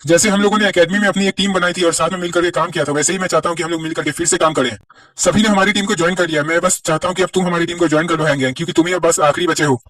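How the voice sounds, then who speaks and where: A calm, cocky young fighter who keeps pressing others to join his team, voiced by a man reading it aloud. The delivery is very fast. The sound is dry and a little distant from the mic. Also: a little high, no room sound. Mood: insistent.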